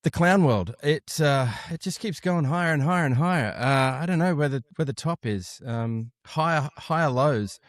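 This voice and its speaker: A man's voice: a little high, normal speed, few pauses, dry recording, clean studio sound. A man with an Australian accent, hosting a casual podcast with jokey, upbeat greetings. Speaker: podcast host.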